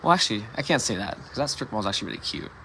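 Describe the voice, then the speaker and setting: A man talks into his phone outdoors in the early morning, meandering and frank, with plenty of swearing and half-finished thoughts. His voice is bright and forward, and a faint hiss of outdoor ambience sits behind him. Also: lowish voice, animated, very fast. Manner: candid, profane, meandering with many restarts. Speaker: livestream host. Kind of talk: casual rambling monologue. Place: outdoors in a suburban yard before dawn.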